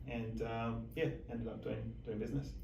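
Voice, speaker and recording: A man in his thirties from Zimbabwe answers interview questions at a measured pace, pausing often on fillers. His pitch stays flat and his tone is mellow. He sounds distant in an echoey room. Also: gravelly, slight background noise. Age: 30s. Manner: measured, hesitant with many uh fillers. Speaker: guest, financial planner. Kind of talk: interview chat.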